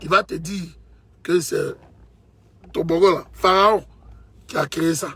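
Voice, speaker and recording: A political commentator from Côte d'Ivoire delivers an impassioned monologue in a fairly high, bright, husky voice with a forceful tone, fairly even intonation and a slightly slow pace. He's emphatic, repeating his points and addressing the listener as a brother, and the recording has no room sound.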